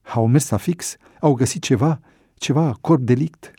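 A man doing a wary, calm prisoner. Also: mid-range voice, slightly rough, no echo, clean studio sound, voice pushed up. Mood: probing. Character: wary adult male prisoner, calm and probing.

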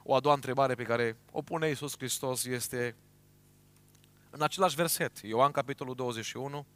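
A man preaching a sermon in a church, emphatic, swinging between loud and quiet and often checking in with his listeners. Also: medium pitch.

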